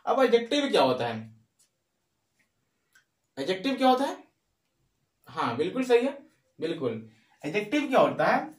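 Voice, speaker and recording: A man gives a classroom-style grammar lesson, going over each phrase slowly and answering his own questions. His voice sits high. The room is echoey. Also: very animated. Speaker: English grammar teacher.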